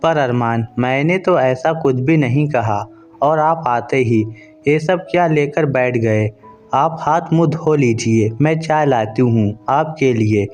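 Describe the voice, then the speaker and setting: A man voicing a young wife who speaks calmly and firmly. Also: mid-range voice, slow pace, soft background music, lightly acted. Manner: calm, then firm. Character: calm, firm young wife.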